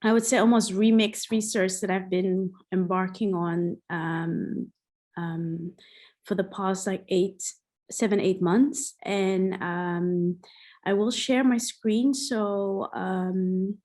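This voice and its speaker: Over a video call, a woman researcher of the Somali diaspora gives an online talk, reading partly from notes and hesitating with many fillers. She was born in Egypt and raised in the Netherlands. Her mid-range voice is slow and a little mellow.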